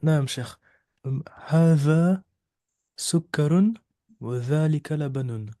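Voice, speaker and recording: A man's voice: a little high, normal speed, dark tone, no echo, studio quality. A male student giving short answers in an Arabic class. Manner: brief answers to the teacher.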